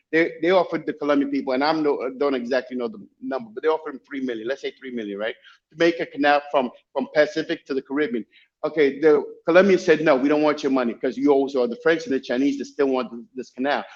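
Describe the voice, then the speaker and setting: A man with a Dominican-influenced accent chatting casually and telling stories emphatically, often repeating phrases to make his point. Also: medium pitch. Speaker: guest, travel YouTuber. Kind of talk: casual chat, animated storytelling. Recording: dull lo-fi call audio.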